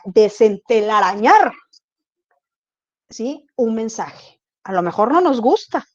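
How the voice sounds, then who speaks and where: A woman's voice: a little high, a little mellow. A woman teacher giving an online class, explaining and often checking that students follow. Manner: explains with repeated check-in questions. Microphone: video call. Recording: dull lo-fi video call audio.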